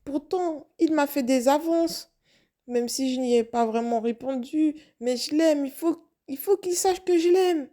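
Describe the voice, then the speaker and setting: A woman's voice: high voice, unhurried, mellow. A woman acting out a young, lovestruck waitress who panics and keeps questioning herself. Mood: sad. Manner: breathless, flustered self-questioning. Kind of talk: first-person story acting.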